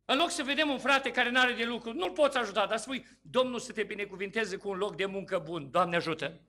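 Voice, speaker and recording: A man's voice: sits high, pushed and bright. A man preaching a sermon to a congregation, asking rhetorical questions and rising into emphatic bursts.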